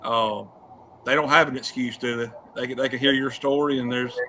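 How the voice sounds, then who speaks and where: A man's voice: medium pitch, fairly even intonation, brisk, sharp tone, a little hiss or hum. A man, co-hosting a talk show, telling stories in a casual way and laughing as he goes. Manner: laughs through his stories. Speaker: show co-host. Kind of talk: casual chat.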